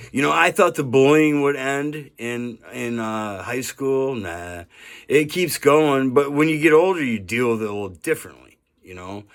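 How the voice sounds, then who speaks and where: This vlogger, a man in his fifties, has a medium-pitched, slightly bright voice. In a casual piece to camera he rambles on earnestly, often asking "right?", saying "you know", and letting out the occasional chuckle.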